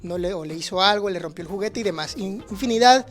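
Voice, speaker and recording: A man's voice: sits high, fast, a bit bright. Male teacher, earnest explainer, frequent restarts and tag questions, faint music behind. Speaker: teacher speaking on conflict resolution. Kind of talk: livestreamed talk answering audience questions.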